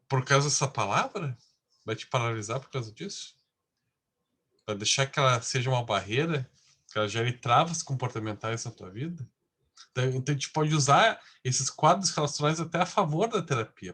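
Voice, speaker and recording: A man's voice: mid-range voice, expressive, normal speed, a bit bright. A man giving a class lecture in a conversational way, often tagging his sentences with questions. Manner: conversational, frequent tag questions.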